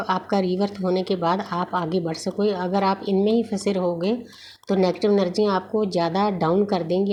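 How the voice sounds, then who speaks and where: A woman giving a spiritual tarot reading in a gentle, unhurried, reassuring way. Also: medium pitch, slight background noise. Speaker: tarot reader.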